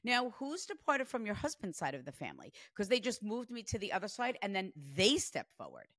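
A woman's voice: mid-range voice, a little fast, no room sound, clean studio sound. A woman in her forties working as a psychic medium, talking chattily with lots of "like" through a reading. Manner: chatty, animated, peppered with "like". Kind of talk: spirit reading session.

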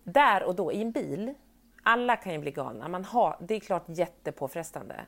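A woman in her thirties co-hosting a casual podcast, telling a family story with animated delivery and acting out what her family said. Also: fairly low pitch. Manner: animated storyteller who acts out quoted family members. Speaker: podcast co-host. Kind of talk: casual chat.

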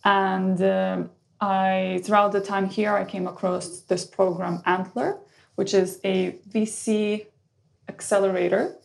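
A woman's voice: mid-range voice, little pitch movement, takes it slowly, vocal fry. A woman in her thirties from Lithuania, a startup co-founder introducing herself on a podcast in a conversational way. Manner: conversational, restarts mid-sentence.

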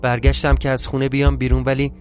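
A man's voice: mid-range voice, monotone. A man reading a dramatic first-person audio story as a brooding, tense inner monologue, with faint music behind. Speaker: narrator and storyteller.

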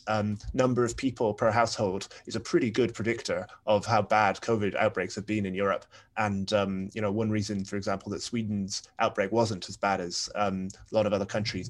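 A young man, a podcast guest, talking through his points wryly with many fillers. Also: fairly low pitch. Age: young adult. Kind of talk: panel discussion.

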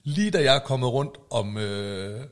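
Male podcast host, animated storyteller, mid-range voice. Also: mid-range voice. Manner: animated, acts out shouted quotes. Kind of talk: casual storytelling chat.

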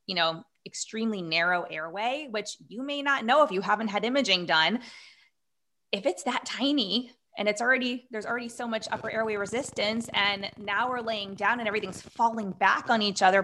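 A woman's voice: mid-range voice, sharp tone. A woman guest expert explaining earnestly in casual conversation, with frequent fillers.

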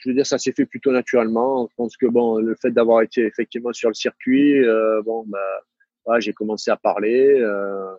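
A man's voice: medium pitch, fairly even intonation, brisk, a little mellow, husky, dry recording. A man coach answering interview questions, hesitant, with many fillers and restarts. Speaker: tennis coach. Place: United States. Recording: dull lo-fi dry sound.

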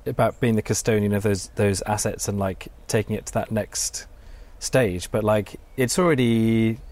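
A man's voice: fairly low pitch, steady tone, normal speed, darkish tone. A man hosting a podcast interview, asking meandering, tentative questions in a casual chatty way.

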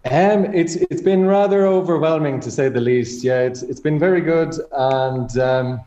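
A man's voice: on the high side, unhurried, dark tone. A man from Ireland, a guest author, answering interview questions in a hesitant, reflective, conversational way. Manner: hesitant, reflective, repeats words. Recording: muffled, roomy remote connection.

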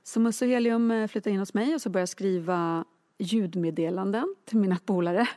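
Woman, author guest, animated storyteller, chatty with fillers. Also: medium pitch. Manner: lively, animated anecdote-telling with many fillers. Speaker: children's book author and musician. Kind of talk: casual interview storytelling.

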